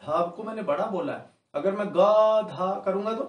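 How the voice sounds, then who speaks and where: A man with a Hindi accent teaching harmonica, patiently explaining step by step and chanting the note names slowly to show how long each note lasts. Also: high voice, recorded from a distance, lo-fi sound. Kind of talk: spoken music lesson. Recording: echoey room, a little off-mic.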